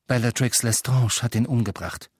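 A man's voice: medium pitch, steady tone, normal speed, husky, no echo, natural voice. Earnest young male wizard, subdued, close to the narrator's own voice, read by a man.

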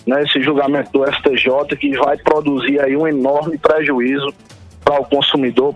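A man's voice: a little high, no room sound. A man, a consumer protection official, speaking formally and patiently over a landline phone in a radio news interview. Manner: formal, explanatory, measured. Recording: muffled phone line with music bed.

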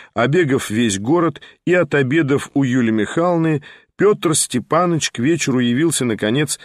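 A man's voice: medium pitch, dry recording. Man narrating an audiobook, dry. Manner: measured, even storytelling. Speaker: audiobook reader. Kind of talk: scripted narration.

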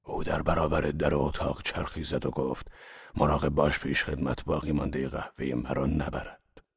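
A male audiobook reader voicing a mournful, sly aging gangster who speaks slowly and quietly, with a husky, gravelly tone. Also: very deep voice, little pitch movement, voice pushed down, full character voice.

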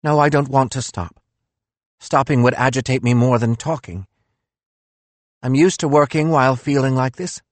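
A man's voice: mid-range voice, steady tone, moderate pace, long pauses, no room sound, pitched above the performer's own voice, lightly acted. A man voicing a proud male philosopher weakened by a migraine, intense and accusing in a weak voice. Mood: weak, calming. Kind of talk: audiobook character voice.

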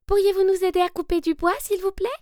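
A woman's voice: very high voice, level tone, fast talker, darkish tone, no echo, clean studio sound, voice pushed up. A woman voicing a sweet, eager little rabbit neighbour who asks for favours politely in a storybook reading.

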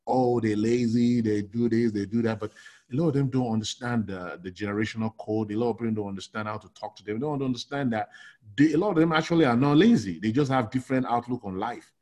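Fast and medium-pitched, a middle-aged Nigerian man in logistics consulting talks casually in an interview. He's animated throughout, restarting often and filling in with "you know."

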